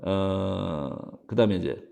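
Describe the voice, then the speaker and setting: Gravelly low-voiced male lecturer. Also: mellow. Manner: explains slowly, with many fillers and acted examples. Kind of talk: university lecture.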